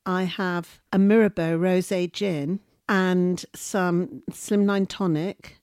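A middle-aged woman, co-hosting a casual chat, effusive and warm, calling people darling. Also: lowish voice, steady tone, slow pace, clear, resonant tone, dry recording, clean studio sound. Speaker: podcast co-host, mother.

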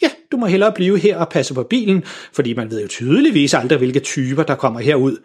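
A stiff, condescending old lady neighbor sniffs down her nose at everyone, as a man puts her on in a storybook reading. Her voice sits raised and a little husky, sour even when she tries to smile. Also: on the high side. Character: snooty sour older woman neighbor.

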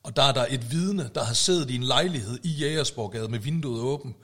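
Male podcast host, animated storyteller, mid-range voice. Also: mid-range voice. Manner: animated, acts out shouted quotes. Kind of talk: casual storytelling chat.

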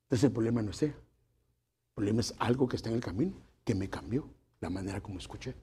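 A man's voice: on the low side, fast, mellow, husky. A middle-aged man, preaching a folksy sermon to his congregation and addressing them as brothers. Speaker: pastor.

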